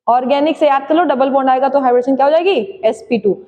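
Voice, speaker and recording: A woman's voice: sits high, dark tone, muffled recording. A woman teaching a chemistry class in speech, quizzing students, answering her own questions and dictating key points. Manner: urges students to write fast; slowly spells out key terms for dictation. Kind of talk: classroom lecture, dictating notes. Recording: long hall reverb.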